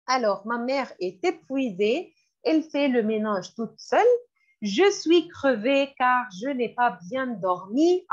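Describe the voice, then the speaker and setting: A woman teaching French vocabulary in a classroom lesson, repeating each word slowly and glossing it in English. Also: a little high. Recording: dull lo-fi recording.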